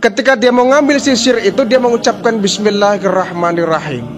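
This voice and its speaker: A man's voice: high voice, fairly quick, music in the background, voice pushed up, close to an everyday voice. A man voicing a curious young princess in a preached story, asking wondering questions. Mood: reporting.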